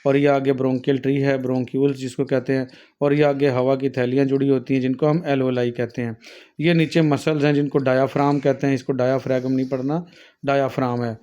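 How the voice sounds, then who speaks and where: A man's voice: mid-range voice, flat delivery, fast talker, mellow, lo-fi sound. A man giving a patient classroom lecture on anatomy, talking students through diagrams, often calling them "beta", with frequent fillers and self-corrections. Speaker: nursing and health teacher.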